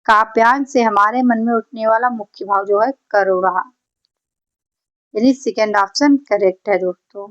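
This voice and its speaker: A woman teaching an exam-prep grammar lesson, explaining patiently and reciting verse lines slowly. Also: medium pitch, steady tone, fairly bright tone. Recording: slightly dull lo-fi audio.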